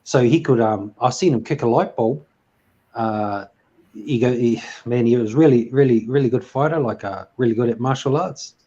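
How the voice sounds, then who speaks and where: A man's voice: medium pitch, moderate pace, mellow, slightly rough, muffled recording. A man hosting a casual chat, rambling with lots of fillers and restarts. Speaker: host.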